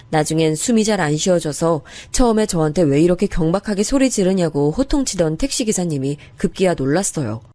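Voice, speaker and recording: A woman's voice: fairly low pitch, dark tone, no room sound. A woman narrating a first-person story in an earnest, confiding way. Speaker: narrator of a true-story drama.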